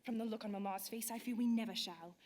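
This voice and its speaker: Girl doing a fast-talking haughty young lady, kinda high voice, echoey hall. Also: steady tone, darkish tone, close to an everyday voice. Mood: imperious. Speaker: stage actor in a school play. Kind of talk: stage comedy acting.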